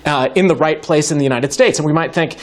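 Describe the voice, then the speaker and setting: A man's voice: a little high, quick pace. A man giving a university lecture to a live audience in a hall, wry and joking, thinking aloud with frequent restarts. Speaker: guest lecturer in philosophy.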